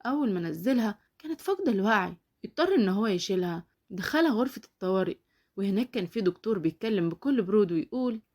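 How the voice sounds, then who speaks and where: Fast-talking Egyptian woman storyteller. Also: medium pitch. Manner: lively, conversational telling. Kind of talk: storytelling narration.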